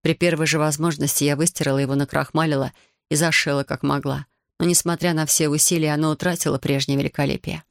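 A woman reading a first-person novel aloud as an audiobook narrator, in a measured, even storytelling manner. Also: low-pitched, gravelly, no room sound, studio quality.

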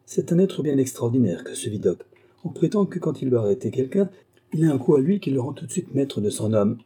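A man's voice: medium pitch, sing-song, a little fast, mellow, close to an everyday voice. A man voicing a stout, bespectacled middle-aged bourgeois, pompous and knowing, in an audiobook reading.

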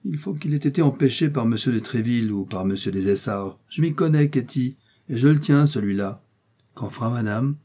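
A man's voice: mid-range voice, animated, moderate pace, dark tone. Ketty, a man doing a naive young maid. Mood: gossipy. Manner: eager, breathless exclamations. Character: young chambermaid, naive and infatuated.

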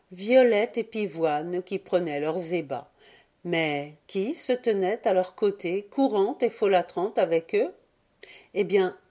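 A woman reads a fairy tale aloud in a gently expressive storybook manner. She takes her time over every phrase. Her tone is mellow and warm. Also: on the low side. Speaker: audiobook reader. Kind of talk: scripted storybook narration.

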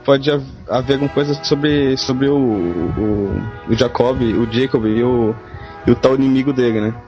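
A man's voice: mid-range voice, moderate pace. A man with a Brazilian accent chatting casually and tentatively as a podcast panelist, in loose phrases. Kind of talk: casual chat. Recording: dull lo-fi voice recording. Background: faint background music.

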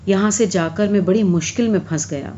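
A woman's voice: mid-range voice, warm tone, dull audio, a little hiss or hum, natural voice. A woman voicing a sheepish pleading man.

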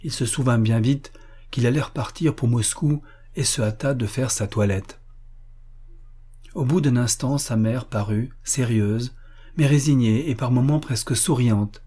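Husky, dark-voiced male narrator. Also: mid-range voice, a little slow. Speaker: audiobook narrator. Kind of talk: literary audiobook reading.

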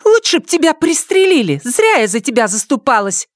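A spiteful, furious young sister hurls insults in a high, strained voice, as a man reading aloud plays her. Her tone is hateful, with wide swings in pitch, recorded close and dry. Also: sing-song, fairly quick, dry recording.

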